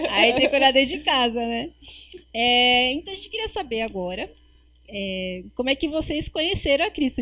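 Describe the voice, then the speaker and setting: A woman's voice: high-pitched, a bit bright, no echo. A young woman hosting a church podcast, chatting playfully and asking guests for their testimony. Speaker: podcast host. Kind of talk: casual church podcast conversation.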